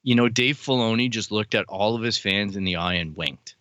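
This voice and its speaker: A man's voice: fairly low pitch, brisk, bright, forceful tone, no room sound, muffled recording. A man co-hosting a podcast, chatting casually and enthusiastically as a fan, swearing now and then. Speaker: podcast co-host. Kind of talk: casual chat.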